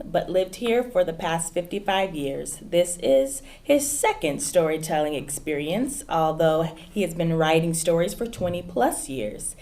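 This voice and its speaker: Woman host, lowish voice, upbeat and playful intros. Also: a little mellow. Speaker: event host. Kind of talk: emcee introductions. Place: small museum event room.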